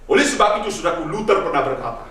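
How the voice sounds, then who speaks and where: A man delivers a Sunday sermon in a bright, high, animated voice that leaps between shouted emphasis and near-whispered asides. He is heard from some distance in a large, strongly echoing hall. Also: racing. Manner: dramatic, swings from loud shouts to hushed asides, constant "saudaraku". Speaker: preacher.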